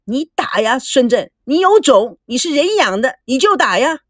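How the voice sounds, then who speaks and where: A woman voicing a hysterical, wronged middle-aged wife and mother who wails shrill accusations, in a dry close recording. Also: very animated, moderate pace, dry recording. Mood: defiant.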